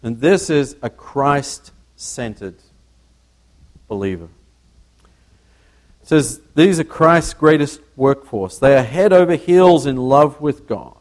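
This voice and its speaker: A man preaching a conversational sermon to a congregation, working through slides, often halting and repeating words and putting questions to his listeners. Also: mid-range voice, expressive, a little mellow. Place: church.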